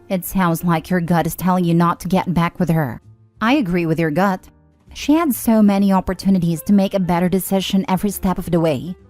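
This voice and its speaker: A woman narrating online forum stories and adding her own comments, reading expressively with frequent lifts in pitch. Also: darkish tone. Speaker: story narrator.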